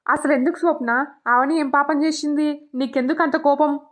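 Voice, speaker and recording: A woman's voice: high voice, steady tone, moderate pace, a bit bright. A woman voicing a stern family member in a cartoon, scolding bluntly.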